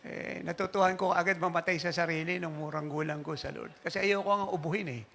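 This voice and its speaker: A man preaching a sermon in church, telling a story in an animated way and chuckling at it. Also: on the high side, fairly quick, vocal fry, a little hiss or hum. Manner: animated anecdotal preaching, laughing at his own story. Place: church service.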